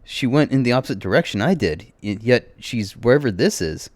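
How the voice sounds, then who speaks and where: A man narrating a story in the first person, expressive, with his voice jumping up on exclamations. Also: mid-range voice, fairly quick, dry recording.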